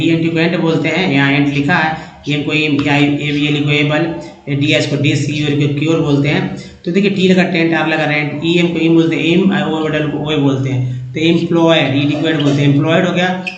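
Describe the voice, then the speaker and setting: A man teaching English reading, spelling out letters and then sounding out each word part, one by one. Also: on the high side. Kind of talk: phonics lesson, explaining word parts. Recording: echoey, dull lo-fi room sound.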